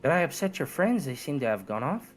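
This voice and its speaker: A man's voice: a little high, big pitch swings, brisk, voice pushed up. Casting: humble, obliging carpenter played by a man, hammy folksy drawl, tabletop fantasy role-play, faint music underneath. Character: humble working carpenter, married village shopkeeper, folksy and obliging.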